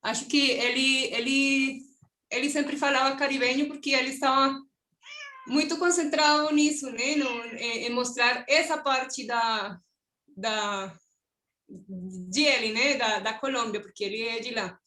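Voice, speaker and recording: A woman with a Colombian accent and a high, bright voice answers questions on an online academic panel. She is a native Spanish speaker and hesitates, hunting for the right word and often adding a questioning tag. Her video-call sound carries a noticeable room echo. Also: measured pace. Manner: hesitant, searching for words, many tag questions. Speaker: conference presenter.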